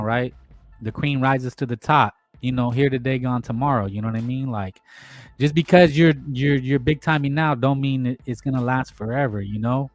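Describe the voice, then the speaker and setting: Emphatic rambling man talking boxing. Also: medium pitch. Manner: rambling, emphatic, repeats himself with fillers. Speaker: boxing talk show host. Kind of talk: casual opinion monologue.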